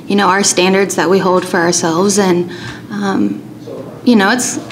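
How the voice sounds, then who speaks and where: A woman's voice: medium pitch, steady tone, a little slow, a little hiss or hum. Young woman athlete, casual answers. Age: young adult. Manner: casual, uses filler words. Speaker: college pitcher. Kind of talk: postgame press conference answers. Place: press conference room. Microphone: table mic.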